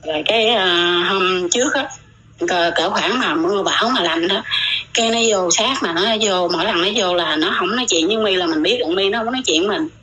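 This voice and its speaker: A woman's voice: mid-range voice, fairly quick, fairly bright tone, rough recording. A middle-aged woman, telling her own story in casual, rambling talk and often repeating her words.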